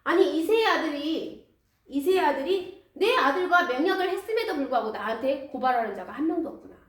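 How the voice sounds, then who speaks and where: A woman's voice: sits high, expressive, moderate pace. A woman acting out an angry, paranoid old king who scolds and threatens his servants. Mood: bitter. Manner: shouting, scolding rhetorical questions. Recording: echoey church hall, mic far off.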